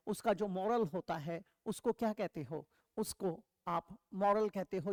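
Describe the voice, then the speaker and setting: A woman teaching an exam vocabulary lesson, asking questions and answering them herself, reading English definitions slowly. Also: medium pitch, darkish tone, no room sound. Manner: explains step by step, asks and answers her own questions, calls students "beta".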